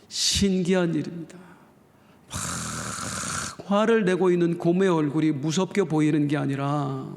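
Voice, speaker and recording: A man preaching a sermon as pastor, telling a story with emotion and voicing the characters with sudden loud outbursts, in a church sanctuary. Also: on the high side, creaky. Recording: long reverb of a church hall.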